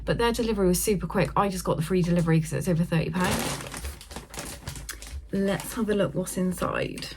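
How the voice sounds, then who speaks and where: A middle-aged woman chatting through a casual yarn haul, filmed on her phone at home and sometimes talking softly so a sleeping baby stays asleep. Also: lowish voice, brisk, noisy background. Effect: filmed on a phone camera. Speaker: craft vlogger.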